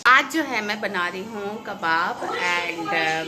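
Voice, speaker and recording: A woman's voice: mid-range voice, animated, takes it slowly. A young woman and mother chatting casually in a home kitchen vlog, laughing often and mixing English into her Hindi. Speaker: vlogger and mother. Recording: noisy home recording.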